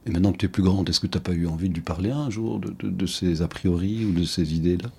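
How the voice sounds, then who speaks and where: A man interviewing someone one-on-one, asking gentle, probing follow-up questions that recall their earlier talks. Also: low voice, quick pace, vocal fry, breathy edge.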